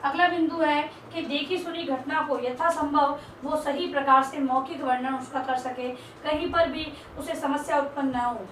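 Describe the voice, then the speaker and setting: A young woman, a teacher in training, delivers a slow and deliberate classroom lecture in a high voice, repeating key terms as she writes. She sounds distant from the mic in an echoey room. Faint hiss sits under the recording. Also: steady tone, a bit bright.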